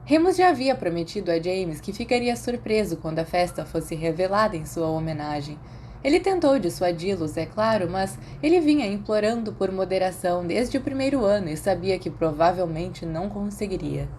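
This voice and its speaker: With a Brazilian accent, a woman narrates scripted fiction as a podfic audiobook reader, her fairly low, darkish voice moving with lively intonation at a normal speed. Some slight background noise is present.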